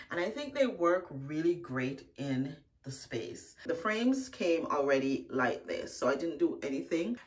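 A woman narrating her home makeover in a chatty, relaxed way, talking straight to her viewers. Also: low voice. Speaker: DIY vlogger. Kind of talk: casual voice-over narration.

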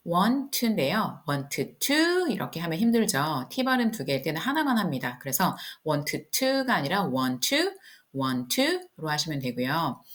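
A woman from Korea giving an English pronunciation lesson, explaining in Korean and modelling English phrases slowly and clearly. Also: fairly low pitch, very animated. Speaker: English teacher.

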